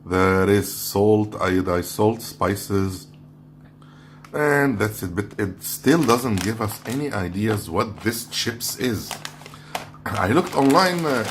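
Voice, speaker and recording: A man giving a casual food review, talking while he handles and crunches chips, in an off-the-cuff vlog style. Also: fairly low pitch. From outside the Philippines. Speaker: snack reviewer. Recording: clearly noisy background.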